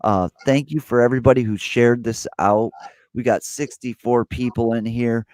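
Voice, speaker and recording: A man's voice: mid-range voice, steady tone, normal speed, a little mellow, no echo. A man hosting a live stream, speaking earnestly in a rambling way with many restarts. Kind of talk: casual chat.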